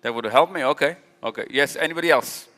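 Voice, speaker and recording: A Pakistani man with a slightly high, sharp voice talks quickly to a live audience, direct and teasing, and he often repeats himself. It's a live talk with audience interaction in a large event hall, recorded with long hall reverb.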